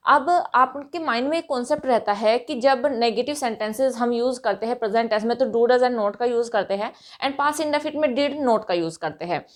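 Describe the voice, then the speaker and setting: A woman's voice: on the high side, moderate pace, few pauses. A woman teaching a grammar lesson, explaining patiently and stressing words when she acts out emphatic replies. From India. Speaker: English teacher.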